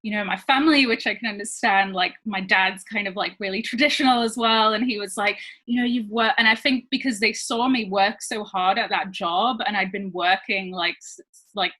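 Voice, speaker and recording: Bright-voiced woman relationship coach. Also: mid-range voice, moderate pace, hardly any pauses. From France and Switzerland, British parents. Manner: chatty, many fillers like "like". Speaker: guest, love and relationship coach. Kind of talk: casual interview chat.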